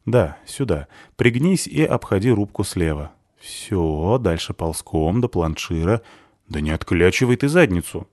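A gruff ex-soldier, read by a man in a low register, talking to a boy with dry mockery and rough words. The sound is close and dry, with no room around it. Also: a little mellow, dry recording. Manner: dry, mocking, rough-spoken. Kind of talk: audiobook character reading.

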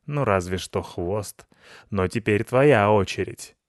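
A grumpy ginger tomcat hisses his complaints, as a male storyteller puts him on. The voice stays low and is slow when sulking. The reading is dry and close. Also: expressive, no room sound. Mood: grumbling, indignant. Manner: hissing, indignant.

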